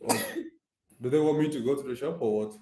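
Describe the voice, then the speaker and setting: Talking fast in a mid-range, dark-toned voice, a live streamer from Nigeria addresses his viewers directly, informal and full of slang, with a Nigerian accent. The room he's in is echoey.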